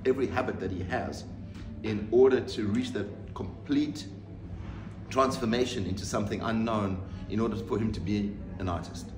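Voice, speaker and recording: A man in his fifties from South Africa, an artist answering interview questions in a measured, reflective way with pauses and restarts. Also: fairly low pitch. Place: room with bookshelves, seated in leather armchair. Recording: roomy, distant mic, audible background noise.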